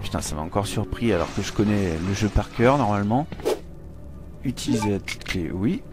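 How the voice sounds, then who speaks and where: A man giving casual, excitable play-by-play commentary on a live game stream, swearing and laughing often. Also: on the low side, a little fast. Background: game music.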